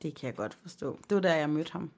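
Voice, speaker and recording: A woman who co-hosts a podcast and works in radio, talking in a casual chat with teasing quips. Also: low-pitched. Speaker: podcast co-host and radio presenter.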